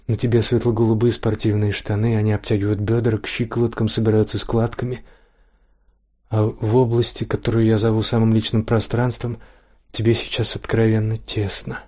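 A man reading an intimate first-person story aloud in a quiet, hushed way. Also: on the low side, monotone, brisk.

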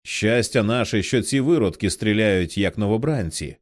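A man reading the part of an impulsive, excitable young man who speaks in exclamations. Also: lowish voice, normal speed, no room sound, studio quality. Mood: excited.

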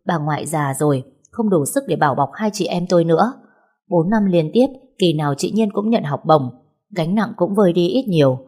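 A woman reads a first-person novel aloud, steady and somber. Her voice sits low and mellow, with a husky, breathy edge. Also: a little fast. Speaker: audiobook narrator.

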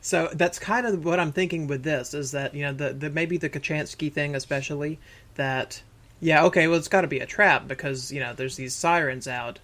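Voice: mid-range voice, normal speed, a bit bright. A podcast co-host chatting casually about a sci-fi series, rambling and acting out imagined lines along the way.

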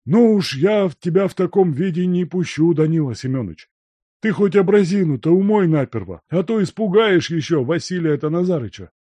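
A man voicing a fussy, grumbling old male house servant who laments and frets in a high, agitated voice. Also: lively intonation, normal speed, dark tone, no echo. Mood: fretful.

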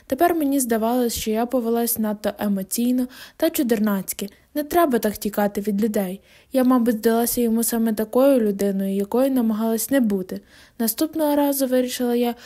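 A woman narrating a novel as an audiobook in a steady, wry storytelling manner. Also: a little high.

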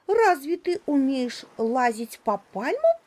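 A woman voicing an excitable little female monkey with squealing, surprised questions. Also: high-pitched, slow pace, pitched above the performer's own voice, heavily acted. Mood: surprised, teasing.

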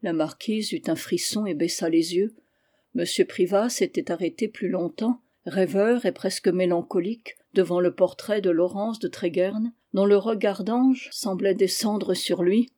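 A man reading a classic novel aloud in a measured, literary way. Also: high voice, steady tone, mellow. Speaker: audiobook reader. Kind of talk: scripted narration.

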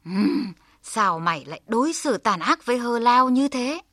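A woman's voice: fairly high pitch, animated, normal speed, sharp tone, dry recording. A woman voicing a tiger who acts as a caring father, in a stern, protective storybook voice.

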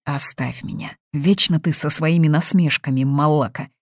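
A woman's voice: deep voice, steady tone, normal speed, no room sound, clean studio sound. A woman reading aloud, voicing a young man who is torn and irritated, muttering to himself. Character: young man, foreign student, torn and angry. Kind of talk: audiobook reading.

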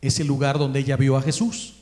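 A man with a Mexican accent giving a religious talk, telling a story in a lively way and acting out the people he quotes. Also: mid-range voice, fairly quick, reverberant. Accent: Mexican Spanish.

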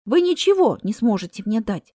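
A woman voicing a cheeky young female ghost who speaks in a bright, eager and quick way. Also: a little high, big pitch swings, dry recording. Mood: offended.

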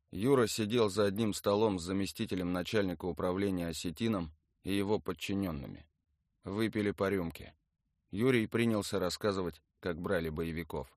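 Low-voiced male audiobook narrator. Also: dry recording, studio quality. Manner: even, matter-of-fact storytelling. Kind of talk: scripted narration of a documentary book.

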